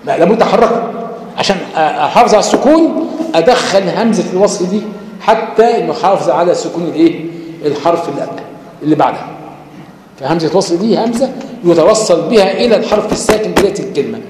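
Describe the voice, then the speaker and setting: A man with an Egyptian accent gives a recitation lesson, his fairly high voice carrying through a reverberant hall. He works through each rule, pausing on rhetorical questions and intoning short verses as examples. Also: darkish tone, a little hiss or hum. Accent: Egyptian Arabic. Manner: explains step by step, asks rhetorical questions, chants Quranic examples. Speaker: Quran recitation teacher. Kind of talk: lecture on tajweed rules.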